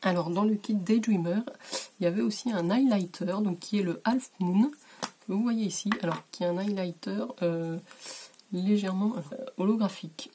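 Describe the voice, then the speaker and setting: Mellow-voiced woman giving a chatty makeup tutorial. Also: mid-range voice, moderate pace, a little hiss or hum. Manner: relaxed and chatty, many hesitations, drops to a whisper while applying. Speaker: beauty vlogger. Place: warm bedroom.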